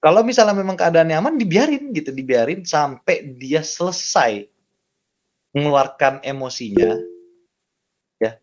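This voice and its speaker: A man's voice: fairly high pitch, sing-song, moderate pace, long pauses, dull audio. A man explaining things in a casual, slangy chat, often tossing in rhetorical tag questions. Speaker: guest explaining parenting.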